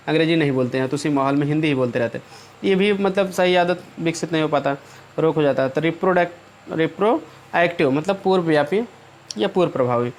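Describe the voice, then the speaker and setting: A male teacher explaining English exam questions in Hindi, repeating and rephrasing points and often checking in with listeners, slowing down to read the English sentences aloud. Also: high-pitched.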